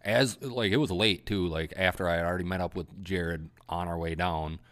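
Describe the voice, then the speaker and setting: A man with a very low voice spins a casual, rambling story, cursing freely and leaning on fillers as he goes. His delivery is loose and conversational. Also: steady tone, normal speed, fairly bright tone. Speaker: podcast guest telling a hunting story.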